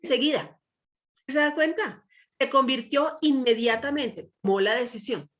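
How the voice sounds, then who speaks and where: A middle-aged woman with a somewhat high voice delivers a Bible teaching talk. She speaks with emphatic conviction and keeps asking her listeners short checking questions as she goes. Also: unhurried, a bit bright. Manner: peppers speech with tag questions to listeners.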